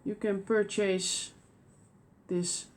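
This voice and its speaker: She's from the Netherlands and speaks with a Dutch accent at medium pitch in a level tone. Hosting a knitting podcast, she chats in casual show-and-tell style, hesitating often with fillers and restarts.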